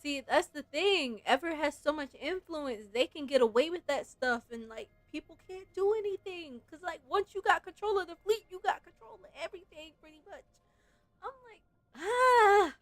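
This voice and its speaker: Her voice very high-pitched and animated, a woman streaming a game chats casually at a moderate pace, musing aloud and reading story text. Game music runs in the background, and her informal talk leans heavily on "like".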